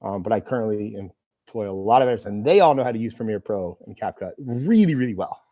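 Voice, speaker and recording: A man's voice: on the low side, animated, quick pace, mellow. A man hosting a live Q&A, talking casually in a rambling, self-deprecating way with plenty of fillers. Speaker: host of a live Q&A. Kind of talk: casual live-stream chat. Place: room with a camera operator.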